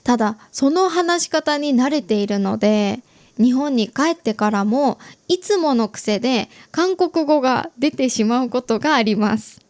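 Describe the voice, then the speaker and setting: A young adult Japanese woman hosting an easy-Japanese learning podcast, explaining gently and chatting with listeners. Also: high voice, expressive, unhurried, dry recording. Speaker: podcast host teaching Japanese.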